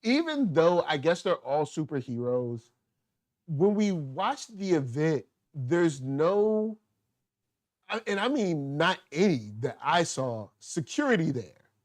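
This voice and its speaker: A man hosting a casual TV review chat, animated and laughing, often acting out the characters' lines. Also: fairly high pitch, slow pace, no echo, studio quality. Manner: animated, laughing, acts out quotes. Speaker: podcast host.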